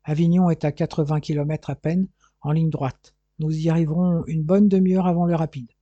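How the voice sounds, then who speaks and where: A man voicing a brisk, matter-of-fact pilot in an audiobook. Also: on the high side, flat delivery, mellow, dry recording, highs cut off, close to an everyday voice. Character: brisk male pilot, businesslike.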